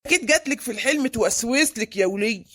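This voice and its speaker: Stingy grumbling Egyptian husband. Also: female voice, a little high, animated, a bit bright. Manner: scolding, quick and exasperated. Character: stingy grumbling middle-aged husband, man. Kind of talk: cartoon voice acting.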